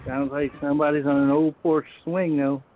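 A man's voice: fairly high pitch, level tone, normal speed. A man calling in to a live audio stream, heard through a phone speaker, making joking, casual remarks. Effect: heard over a phone speaker. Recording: tinny phone line with faint noise.

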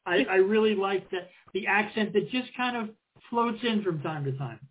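This middle-aged man co-hosts a relaxed interview, putting friendly questions with plenty of ums and false starts. He speaks at normal speed in a high voice, and the sound is tinny, like a phone line.

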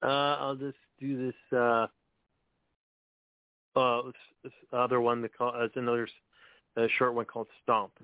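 A man's voice: medium pitch, little pitch movement, moderate pace, pauses often, clean tone, no echo. Give me a man calling in to a radio show over a tinny phone line. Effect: heard over a phone line on a radio show. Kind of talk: casual chat, then reading his poems aloud.

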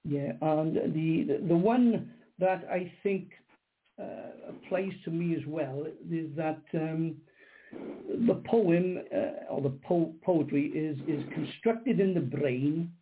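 An older Welsh man, a guest poet on a radio interview, speaks slowly and hesitantly, with many ums and repeated words. His voice is fairly high, and the narrow phone-line recording carries slight background noise.

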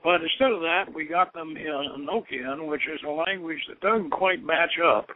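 A man hosting an occult radio show speaks at a fairly high pitch, explaining informally with a hesitant, rambling, scholarly storytelling style. The line sounds narrow and tinny, like a telephone.

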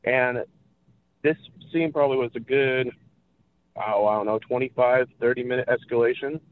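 A man's voice: mid-range voice, steady tone, normal speed. Tinny phone-line caller, earnest man. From California. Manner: earnest, repeats himself for emphasis. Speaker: radio show caller. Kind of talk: earnest call-in opinion.

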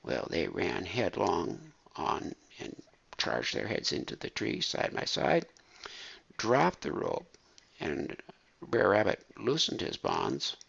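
Man, storyteller, gravelly, husky, lively pitch, dull lo-fi recording. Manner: unhurried, animated, folksy. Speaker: storyteller recounting a true case. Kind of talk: spoken storytelling.

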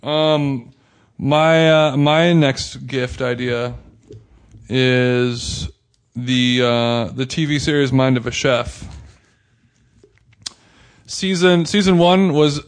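A man's voice: mid-range voice, fairly even intonation, very slow, pauses often, clear, resonant tone. Rambling man in casual podcast chat. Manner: rambling, hedging with fillers. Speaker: podcast co-host.

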